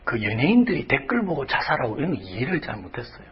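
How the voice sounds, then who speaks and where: A man's voice: medium pitch, huge pitch swings, fast talker, muffled recording. Dramatic male pastor preaching a sermon. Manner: dramatic, swinging from whispers to raised cries.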